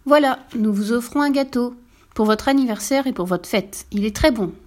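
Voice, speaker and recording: A woman's voice: fairly high pitch, moderate pace, natural voice. A woman voicing a group of polite, cheerful young children in a children's storybook.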